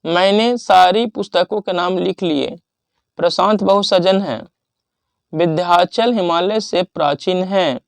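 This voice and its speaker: A man teaching exam revision, reading out word lists and rules in a steady listing manner with pauses. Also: sits high, creaky, clean tone, no room sound.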